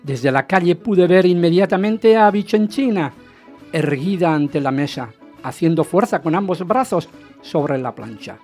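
Faint music sits behind a slightly high, darkish male voice that is animated yet unhurried. In radio theatre narration and dialogue, the actor plays a jealous, agitated husband recounting his hunt for a rumour, brooding as he narrates and pressing dramatically with his questions.

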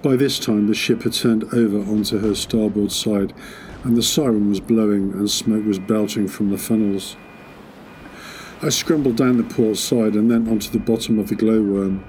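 A man with a fairly low voice gives a first-person recollection of a wartime event. He tells it plainly and matter-of-factly, without dramatics. A faint noise hiss runs underneath. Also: fairly even intonation, moderate pace, darkish tone.

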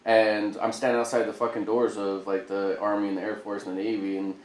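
A man from Idaho, a former Marine, telling his story as a podcast guest in a profane, animated way. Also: lowish voice, a little fast. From Idaho, United States. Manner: profane, animated storyteller who acts out quotes. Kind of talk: casual interview storytelling. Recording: echoey room, faint background noise.

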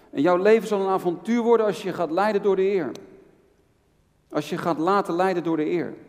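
Middle-aged male preacher, slightly high voice, fervent pastoral delivery, long hall reverb. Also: a little mellow. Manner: fervent, rising to impassioned pleading; pastoral, speaks directly to listeners. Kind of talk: sermon.

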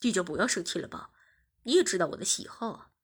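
A woman's voice: lowish voice, animated, quick pace, husky, voice pushed down. A woman voicing a young husband who teases and coaxes his wife. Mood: coaxing. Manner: coaxing, teasing. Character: teasing young husband, smug and coaxing.

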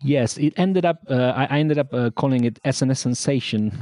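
A man from Argentina, a musician guest on a podcast, speaking softly with many pauses. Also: medium pitch, no room sound. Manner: soft-spoken, frequent uh fillers. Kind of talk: casual interview.

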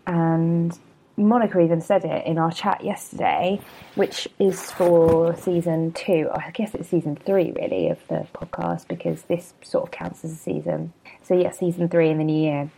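A woman's voice: on the low side, little pitch movement, normal speed, creaky, dark tone, slight background noise. A woman in her thirties hosting a casual solo podcast, chatty and self-deprecating, rambling into asides, a bit hungover. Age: 30s. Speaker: podcast host and blogger.

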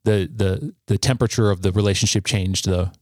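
Earnest, halting man telling his story. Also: fairly low pitch, steady tone, darkish tone, dry recording, studio quality. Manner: earnest, halting, with frequent restarts. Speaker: podcast guest. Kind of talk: personal storytelling.

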